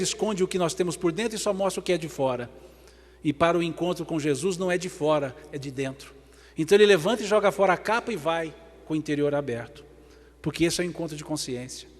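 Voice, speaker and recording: A man with a Brazilian Portuguese accent delivers a religious lecture in a slightly high voice. He pushes emphatic lines loud and drops others to a hush. His voice rings through the long reverb of a large hall. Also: breathy edge. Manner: emphatic, swinging between loud and hushed passages. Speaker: spiritist lecturer.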